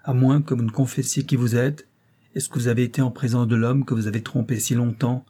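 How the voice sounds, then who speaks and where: A man reading an audiobook, voicing a young gentleman who accuses gravely and at a measured pace. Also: mid-range voice, flat delivery, close to an everyday voice. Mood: stern.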